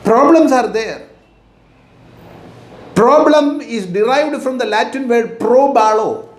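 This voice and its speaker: A middle-aged man with an Indian English accent giving a motivational talk, slow and deliberate, repeating his key phrases. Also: very high voice. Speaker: motivational teacher. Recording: echoey room.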